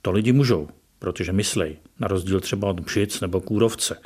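Deep-voiced professor, hesitant and measured. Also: male voice, a little mellow, husky. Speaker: professor, interview guest. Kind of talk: radio interview, opinionated explanation.

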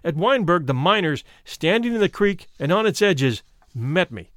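High-voiced man reading a memoir. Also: dry recording, studio quality. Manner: measured, steady storytelling. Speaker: reader. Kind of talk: scripted narration of a first-person memoir.

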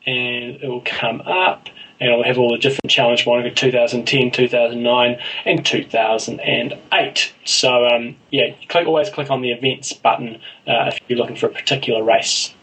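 A man's voice: medium pitch, fairly even intonation, moderate pace, fairly bright tone, far from the mic, low-quality recording. A man with a New Zealand accent talking casually as a podcast co-host. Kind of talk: casual co-hosted sports chat.

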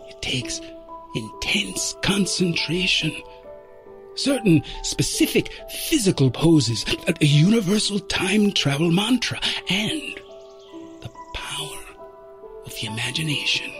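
A man's voice: on the high side, very animated, slow pace, over music, voice pushed up. A man voicing a genteel older time traveler who muses and lectures with small stammers. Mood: musing.

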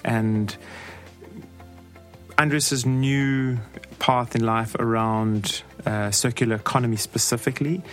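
A man speaking informally and a little haltingly as a podcast host and interviewer. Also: mid-range voice, steady tone, soft background music. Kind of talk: casual podcast talk. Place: podcast studio.

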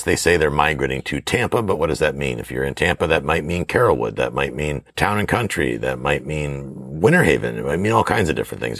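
A man's voice: extremely low pitch, creaky, no room sound, clean studio sound. A man talking casually and folksily as a host explaining investing, recording out on a screened backyard porch. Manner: folksy, conversational, asks and answers own questions. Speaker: podcast host and real estate fund operator.

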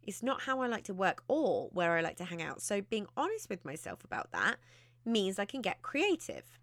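Chatty woman podcast host, lively pitch. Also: moderate pace, dry recording, clean studio sound. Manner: chatty, warm-hearted, emphatic, talks straight to the listener. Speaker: podcast host, success mentor. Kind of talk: podcast monologue.

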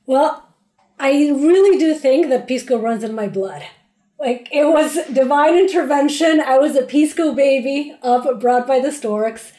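A woman's voice: sits high, a little slow, roomy sound. A woman from Peru, a spirits brand founder, chatting animatedly as an interview guest with plenty of fillers. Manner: animated, playful, many fillers. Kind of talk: casual interview chat.

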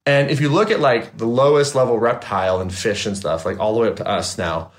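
A man, a trauma therapist and guest, talking in a casual, animated and emphatic way, swearing freely. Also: mid-range voice, brisk. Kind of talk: casual interview chat.

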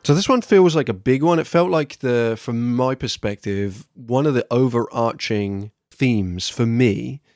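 A man's voice: mid-range voice, unhurried, hardly any pauses, a little mellow, no echo. A man from England with an English accent, talking casually and candidly as a solo podcast host reflecting on his work. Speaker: podcast host, workshop trainer.

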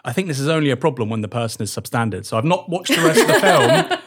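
A man's voice: mid-range voice, wildly swooping pitch, quick pace, fairly bright tone, breathy edge. A man co-hosting a casual panel discussion, arguing his point confidently. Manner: argumentative, confident. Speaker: co-host.

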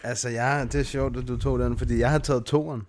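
A man co-hosts a casual podcast chat. He sounds relaxed and easygoing, agreeing often with his partner and recounting events in plain talk. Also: medium pitch, slight background noise. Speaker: podcast co-host. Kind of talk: casual chat about fighting.

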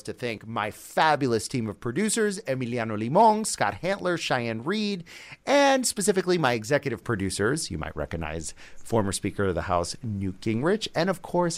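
A man's voice: medium pitch, sing-song, normal speed. A man hosting a podcast, reading scripted sign-off remarks and thanks. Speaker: podcast host.

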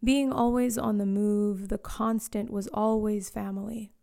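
The speaker, a woman in her late 20s, reads a scripted first-person narrative in a reflective, lyrical way, slow and quiet with hushed moments. Her voice is mellow, lightly gravelly, mid-range and steady in tone; she was born in Eswatini to Zambian parents and raised in South Africa, Australia and Canada.

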